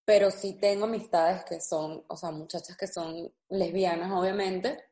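A woman's voice: fairly low pitch, steady tone, unhurried, mellow, reverberant. A woman co-hosting a talk show, giving her opinions emphatically. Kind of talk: casual chat.

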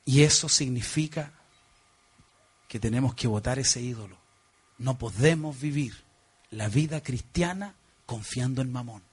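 A man with a Chilean accent preaching a sermon, emphatic and questioning his congregation, swinging from loud exclamations to hushed, earnest passages. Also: medium pitch, a little slow, pauses often, breathy edge. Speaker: pastor.

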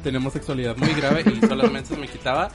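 A man's voice: on the high side, expressive, fast talker, over loud music. A man joking and laughing in casual podcast chat. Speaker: podcast co-host.

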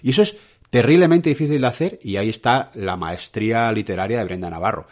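A man's voice: on the low side, fast. A man with a Spain Spanish accent, a literary guest on a casual book podcast, chiming in eagerly with knowledgeable remarks.

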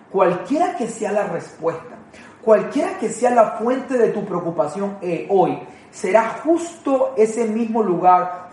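A man's voice: sits high, a little mellow, roomy sound. A man preaching an online Palm Sunday sermon, earnest and emphatic, often repeating words as he starts a phrase. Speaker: pastor.

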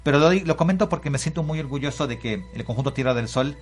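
A man's voice: on the high side, fast talker. A Mexican man, a guest musician, talking at length in a casual radio interview with many filler words. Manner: talks freely and at length, with many "pues" and "este".

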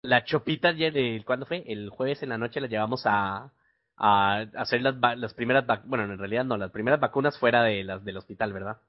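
A young man, co-hosting a casual chat and telling animated stories. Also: mid-range voice, fairly quick. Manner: animated, laughing storyteller. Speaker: podcast co-host, new parent. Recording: dull lo-fi audio.

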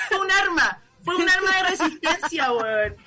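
A woman's voice: very high-pitched, very animated, slow pace, crowd noise. A Chilean woman on a podcast as the guest, telling stories casually, swearing freely and acting out dialogue through laughter. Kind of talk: casual storytelling chat.

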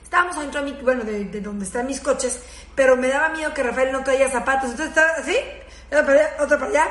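A middle-aged woman with a Mexican accent tells a comic anecdote, animated and swearing, laughing through her words. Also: high-pitched, racing. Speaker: storyteller. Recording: echoey room.

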